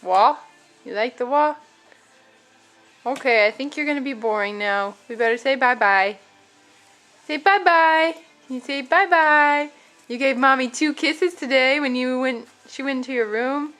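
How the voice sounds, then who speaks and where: High sing-song woman cheering a toddler. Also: moderate pace, a bit bright, soft background music. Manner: encouraging sing-song baby talk. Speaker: adult filming a toddler. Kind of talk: home video, talking to a small child.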